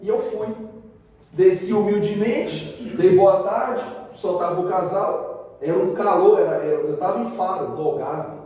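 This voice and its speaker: A man's voice: sits high, unhurried. A man preaching a sermon as a pastor, telling a story vividly and acting out the dialogue. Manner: lively storyteller who acts out the dialogue. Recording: echoey hall, voice from far off.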